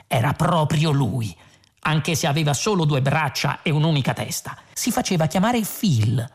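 A woman voices an indignant, stubborn ordinary Englishman in a read-aloud story. He presses his point insistently, with an aggrieved edge, in a lively but low, slightly husky voice. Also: moderate pace.

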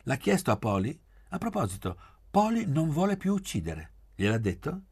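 A man voicing a lively, teasing young woman who plays hostess, with a mocking, playful tone. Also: a little high, moderate pace, creaky, slightly rough, voice pushed up, exaggerated voice.

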